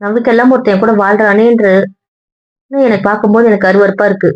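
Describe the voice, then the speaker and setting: A woman's voice: medium pitch, steady tone, fast. A woman in a couple's argument vlog, talking to her partner in a hurt, weary, lecturing way. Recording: dull lo-fi sound.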